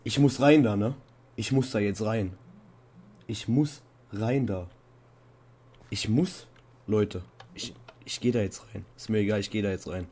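A young man narrates a spooky game session at an unhurried pace, keeping it casual and joking about how frightened he is. Every so often he jumps into high, panicked yelps before settling back down. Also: husky. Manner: playful mock fear, bursts into high panicked shouts. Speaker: Minecraft let's-play host. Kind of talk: casual gaming commentary.

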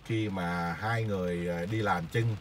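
Low-voiced man, rambling. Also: fairly even intonation, a little hiss or hum. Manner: rambling, many filler pauses. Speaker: vlogger sharing stories. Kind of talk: casual storytelling monologue.

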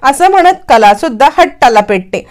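A woman's voice: sits high, moderate pace. A woman casually retells a TV serial episode, acting out the characters' lines as she goes. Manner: lively storytelling, acting out characters' lines in quotes. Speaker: serial recap narrator.

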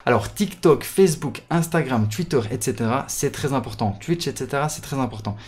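Hesitant YouTuber, casual. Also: male voice, medium pitch, a little fast, darkish tone, breathy edge. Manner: hesitant, many fillers, repeats words. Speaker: gaming YouTuber. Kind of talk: casual Q&A talk to viewers.

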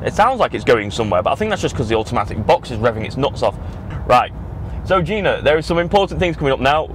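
Chatting fast in a sing-song, medium-pitched voice, this young man from the UK vlogs casually from a car on a road trip. A dashboard action camera records him inside the moving or parked vehicle, along with car and road noise.

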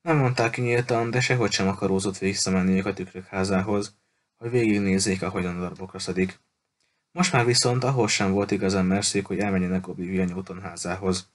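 Low-voiced man reading a novel aloud. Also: steady tone. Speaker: audiobook narrator.

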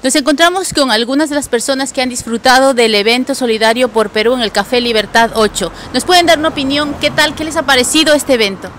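A woman's voice: high-pitched, quick pace, hardly any pauses, a bit bright, slight background noise. A woman reporter interviewing guests in a small café venue, asking upbeat questions into a handheld mic.

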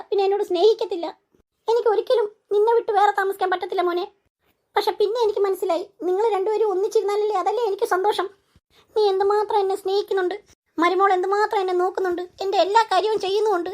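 A woman's voice: extremely high pitch, a little mellow. A woman voicing a remorseful older mother-in-law in a cartoon, lamenting with repeated cries of dismay. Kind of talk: cartoon voice acting.

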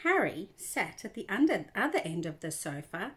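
A woman's voice: mid-range voice, big pitch swings, moderate pace. An older woman reading a picture book aloud to children, stopping to talk about the pictures. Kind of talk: storybook read-aloud to children.

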